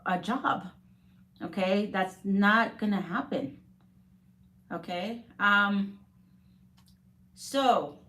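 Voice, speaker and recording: A woman's voice: medium pitch, extremely slow, long pauses, a bit bright. A woman who works as a real estate agent, talking in a casual, rambling way on a live stream and often checking in with "okay?". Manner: rambling, keeps adding "okay?". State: coughing.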